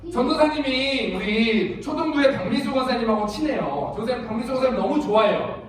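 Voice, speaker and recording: A man, a youth ministry pastor, giving an interactive sermon to children at a church retreat, quizzing the kids and calling them by name. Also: very high voice. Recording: echoey hall, far from the mic, children's crowd.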